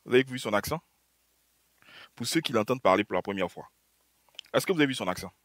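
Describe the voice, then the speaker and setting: A man's voice: medium pitch, animated, quick pace, fairly bright tone, dry recording. A man with an Ivorian French accent giving heated political commentary to viewers, mocking, firing rhetorical questions and restarting his sentences. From Côte d'Ivoire. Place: abroad, in a developed country.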